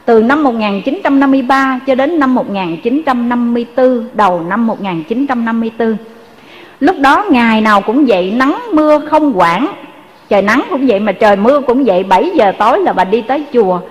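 A woman's voice: on the high side, lively intonation, a little fast, in a large hall, low-quality recording. A woman with a Southern Vietnamese accent telling a Buddhist story in a sermon, earnestly addressing her listeners. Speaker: Buddhist dharma speaker.

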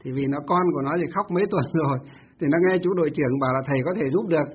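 A man's voice: on the high side, very fast, breathy edge, muffled recording. A Buddhist monk telling a story in a Dharma talk, asking himself rhetorical questions as he goes.

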